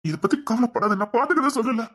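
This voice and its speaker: An anxious, remorseful young husband in a TV serial, with a Tirunelveli Tamil accent. He talks quickly, pleading and soothing, and repeats his apologies over and over. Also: extremely high pitch, fairly bright tone. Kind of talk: TV serial acting.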